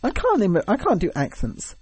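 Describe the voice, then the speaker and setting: A man's voice: high-pitched, wildly swooping pitch, fairly quick, a crowd in the background. A young British man co-hosting a podcast, chatting casually in a rambling, hesitant, joking way. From Britain. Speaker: podcast co-host. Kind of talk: casual chat.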